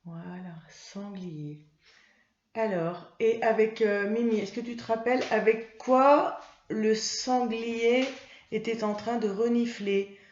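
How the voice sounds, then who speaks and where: A woman's voice: fairly high pitch, slow, darkish tone. A woman teacher giving a reading lesson for young first graders, in a patient, encouraging way. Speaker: primary school teacher. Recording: roomy, slightly dull home recording.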